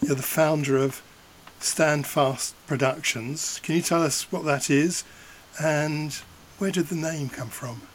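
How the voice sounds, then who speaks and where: Gentle male interviewer. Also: a little high, slow, a little hiss or hum. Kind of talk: interview questions.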